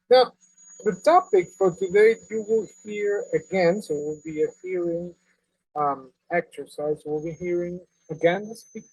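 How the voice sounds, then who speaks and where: Casting: man in his forties from Honduras, teacher, earnest and animated, close dry webcam sound. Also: on the high side, slightly rough, no room sound, rough recording. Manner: earnest, animated, with non-native phrasing. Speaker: English teacher. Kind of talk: online class lesson. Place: small indoor room at home. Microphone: webcam on a video call.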